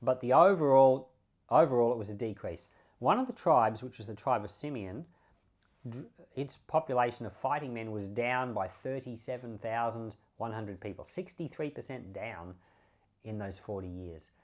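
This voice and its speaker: A pastor who hosts a podcast explains scripture informally and conversationally, repeating key words to stress them. His mid-range voice is expressive, at a moderate pace.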